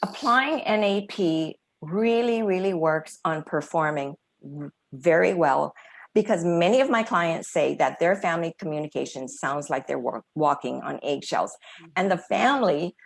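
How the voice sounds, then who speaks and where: A woman's voice: on the low side, lively intonation, normal speed, creaky. A woman communication coach teaching an online masterclass on a video call, demonstrating phrasings aloud.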